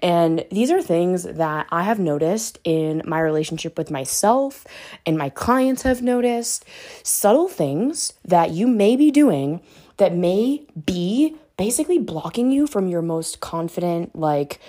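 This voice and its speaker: Female podcast host, motivational coach type. Lower-pitched and husky, with peppy, emphatic, slangy delivery. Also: lively intonation, unhurried, mellow. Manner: peppy, emphatic, casual slangy pep talk. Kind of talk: motivational podcast monologue, casual chat.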